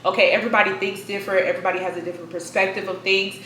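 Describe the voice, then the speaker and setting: Mid-twenties woman host, chatty, bright tone, roomy echo. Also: medium pitch, flat delivery, very fast, slight background noise. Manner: chatty, addresses viewers directly. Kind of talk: casual chat.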